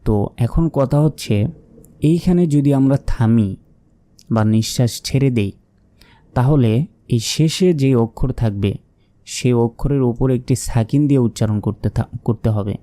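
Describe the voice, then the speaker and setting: A man's voice: mid-range voice, moderate pace, long pauses, mellow, dry recording. A man teaching Quran reading step by step, spelling out letters and marks, asking questions and then answering them patiently.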